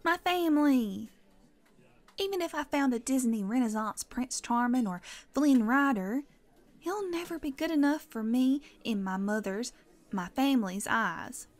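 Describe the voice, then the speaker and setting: In a conversational audio drama, an actress with a high, expressive, unhurried voice plays a guarded, self-doubting single woman in her thirties. She sounds defensive, emphatic, and resigned.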